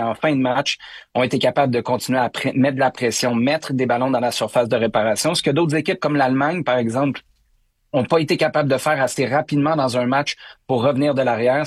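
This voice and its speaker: A man's voice: mid-range voice, husky, no room sound. A man with a Québécois accent giving casual, conversational soccer analysis as a guest pundit.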